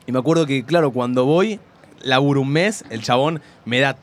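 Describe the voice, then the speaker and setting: A man's voice: mid-range voice, moderate pace. A young man with a Rioplatense Spanish accent hosting a radio talk show, telling a personal story in casual chat. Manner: storytelling, animated.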